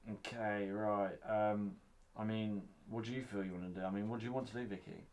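A man's voice: on the low side, fairly quick, natural voice. A man playing a patient youth counsellor. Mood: calm. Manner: calm, patient, with frequent ums.

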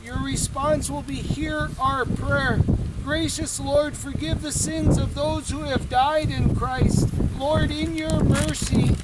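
A very high-pitched middle-aged man, a priest leading a graveside committal, reads prayers aloud in a measured, formal liturgical manner during a solemn service. He stands outdoors in a snowy open cemetery. A far-off camera microphone picks him up amid loud wind noise.

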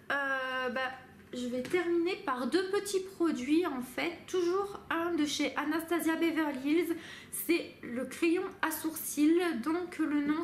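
A woman vlogger chats through a casual makeup review in a high, leisurely voice, full of hesitations and restarts. She sounds like she is recording in an echoey room at home. A faint hum of ambience sits behind her. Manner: hesitant, many fillers and restarts. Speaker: beauty vlogger.

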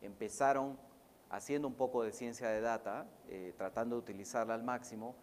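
Speaking at a mid-range pitch with a steady tone and a brisk pace, a middle-aged man from Peru gives an academic talk at a conference, his accent Peruvian Spanish blended with Mexican. He keeps it conversational, dropping in casual anecdotes and plenty of fillers, with slight background noise in a large hall.

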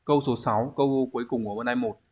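A man's voice: medium pitch, fairly even intonation, very fast, mellow. A man, teaching a language exam review lesson, explaining step by step and answering his own questions.

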